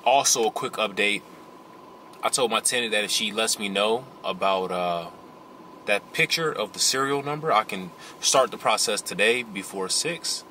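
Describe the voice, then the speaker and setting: Chill chicago guy in his 30s vlogging in the car, kinda low voice, road noise behind. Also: normal speed. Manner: relaxed, chatty, says "finna" and "you know". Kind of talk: casual vlog talk to camera. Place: inside a parked car. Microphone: camera on the dashboard.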